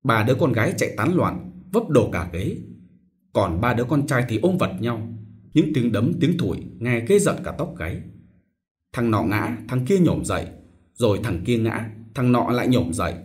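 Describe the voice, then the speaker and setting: Expressive male audiobook narrator. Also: medium pitch, normal speed. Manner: expressive storytelling. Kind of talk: scripted novel narration.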